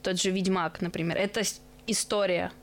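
A woman's voice: lowish voice, normal speed, a little hiss or hum. A woman in her twenties from Russia, a guest streamer and esports caster, chatting casually on a podcast and telling stories with acted-out quotes. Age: 20s. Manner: lively storytelling with acted-out quotes.

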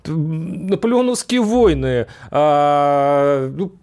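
A man hosting a political radio talk show, speaking haltingly and often repeating or restarting his words as he makes his case. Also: on the high side, expressive, darkish tone, smooth. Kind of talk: argumentative live political interview.

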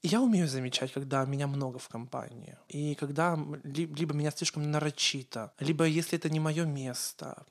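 A Ukrainian man co-hosts a casual podcast, speaking fairly quickly with a fairly high voice and hardly any pauses. He's earnest and rambling, often correcting himself mid-sentence.

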